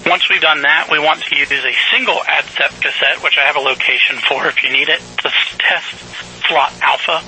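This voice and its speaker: A man speaks as a ground communicator over a crackly space-to-ground radio link. His voice is very bright and forceful, a little higher than average, with faint noise behind it. He keeps to clipped, procedural radio phrasing. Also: normal speed. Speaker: mission control ground communicator.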